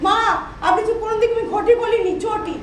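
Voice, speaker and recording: A woman's voice: extremely high pitch, steady tone, fairly quick, slight background noise. An actress playing a daughter-in-law who keeps repeating words to correct her deaf mother-in-law. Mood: exasperated. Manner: patient then exasperated, repeating words. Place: large auditorium stage. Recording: echoey hall from far off.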